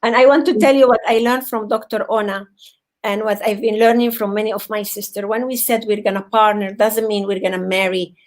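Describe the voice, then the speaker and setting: A woman from Venezuela who works as a psychotherapist, giving a heartfelt motivational talk over a video call in an earnest, halting way, often repeating words as she searches for phrasing. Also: mid-range voice, steady tone, low-quality recording. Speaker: psychotherapist, guest speaker.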